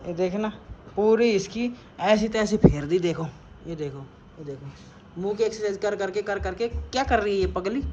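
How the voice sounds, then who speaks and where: Talking directly to the camera for his family vlog, a young man teases his dog in a casual, moderately paced chat. His voice sits high, and the noisy handheld phone recording has its highs cut off.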